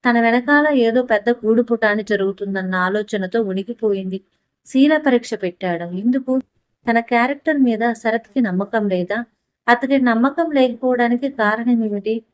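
Brief: a woman audiobook narrator, steady storytelling, dry close sound. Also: fairly high pitch, normal speed, dry recording.

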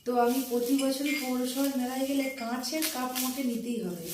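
Middle-aged woman softly gushing over her shopping, bit high voice, roomy echo, kinda far from the mic. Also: fairly even intonation, a little fast, background noise. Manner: chatty, gushing, repeats herself; soft, hushed talk. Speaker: vlogger showing purchases. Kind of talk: casual show-and-tell chat.

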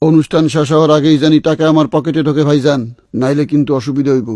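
A man's voice: on the high side, little pitch movement, rapid-fire, warm tone, dry recording, lightly acted. A man playing a pushy money-minded fixer. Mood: insistent. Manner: blunt, haggling, stubborn about money. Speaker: hired mourner and fake cleric contractor.

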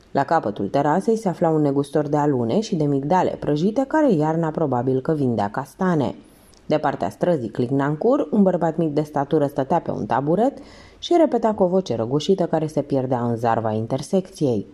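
A woman narrating a detective novel as an audiobook reader, in steady storytelling. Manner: steady storytelling with lively pitch.

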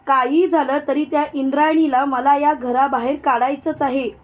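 A woman's voice: high voice, fairly even intonation, moderate pace, close to an everyday voice. A woman reading as a spiteful young schemer. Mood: bitter. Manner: bitter, defiant.

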